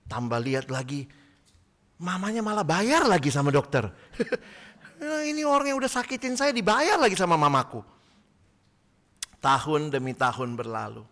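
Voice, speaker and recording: A male pastor preaching a sermon, telling a story with lively acted-out voices. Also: mid-range voice. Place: church.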